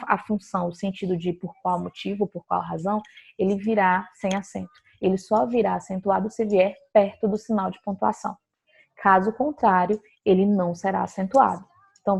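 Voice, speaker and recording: A woman's voice: mid-range voice, vocal fry, a little mellow, breathy edge. A woman teaching a grammar lesson, explaining patiently and often checking in with her students.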